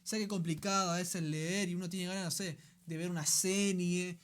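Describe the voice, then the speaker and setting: A man's voice: high-pitched, steady tone, normal speed, fairly bright tone. A man with a Rioplatense Spanish accent hosting a radio program, giving a conversational teaching talk and often checking in with his listeners.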